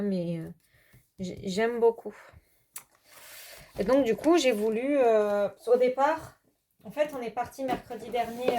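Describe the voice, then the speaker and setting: A woman, talking in a rambling, hesitant way in a casual chat vlog, with many pauses. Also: medium pitch, dark tone. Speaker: hobby vlogger.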